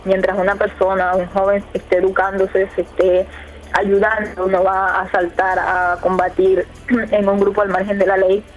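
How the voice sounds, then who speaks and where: Here a radio guest, a woman in her 20s who leads a youth council in Córdoba, Colombia, answers loosely and hesitantly, often restarting and using fillers. She speaks at a normal speed in a level, mid-range voice, heard through muffled radio audio with faint music.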